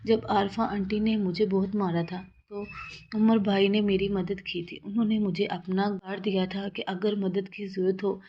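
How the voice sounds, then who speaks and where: A woman's voice: medium pitch, flat delivery, breathy edge, highs cut off. A woman reading the part of a young mother, hurt and defiant, speaking through tears. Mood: tearful account. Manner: tearful, pleading and sharp.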